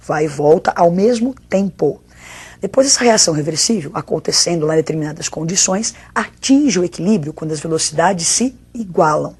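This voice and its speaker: Woman, Brazilian accent, very raspy and breathy, lowish pitch, didactic teacher explaining a lesson. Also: darkish tone. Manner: didactic, with rhetorical questions and check-in tags. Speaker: chemistry teacher. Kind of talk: spoken video lesson.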